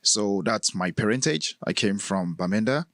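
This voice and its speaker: A middle-aged Cameroonian man with a fairly low voice and a Cameroonian accent speaks at normal speed on a dry, studio-quality recording. As a podcast guest in a casual interview, he tells stories in a relaxed way and laughs often.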